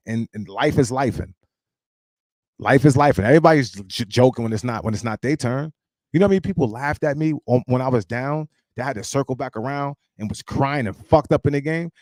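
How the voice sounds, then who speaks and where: In his late thirties, a man hosts a live stream and hands out casual life advice in a blunt, emphatic, preachy style, swearing freely. His voice is mid-range and darkish, with no room sound.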